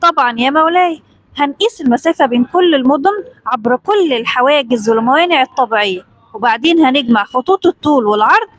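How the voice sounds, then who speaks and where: A woman voicing a calm, polite 14-year-old boy scholar who explains patiently, with an Egyptian Arabic accent. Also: high-pitched, fast talker, no echo.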